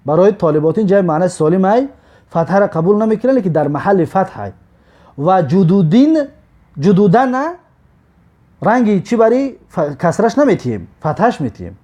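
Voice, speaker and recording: A man with a Tajik accent teaching Arabic grammar, slowly drilling example words and stopping to check understanding. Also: sits high, very animated, warm tone. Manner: slow, drawn-out drilling of example words, repeated for students; checks understanding with short asides. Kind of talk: recorded grammar lesson.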